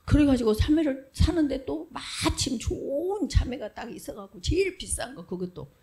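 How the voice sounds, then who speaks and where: A woman's voice: high-pitched, lively intonation, normal speed, dark tone. A woman giving a Sunday school sermon who questions her listeners again and again and acts out sample prayers. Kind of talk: children's sermon.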